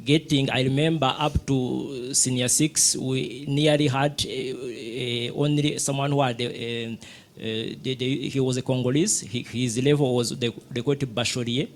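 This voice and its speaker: A man's voice: medium pitch, fairly even intonation, a little slow. Hesitant Rwandan man on a panel. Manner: hesitant, many restarts and fillers. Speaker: panelist, physicist. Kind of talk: panel talk, personal story.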